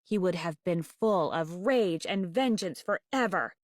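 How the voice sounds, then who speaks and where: A woman reading a children's novel aloud with expressive, wry storytelling. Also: lowish voice, a little slow, dry recording, studio quality.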